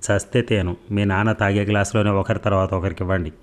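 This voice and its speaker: A sharp-tongued young wife, grumbling and scolding, in a storybook read aloud, as a male narrator puts her on. The voice stays low and deep, in his own register. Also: fairly even intonation, fast, natural voice.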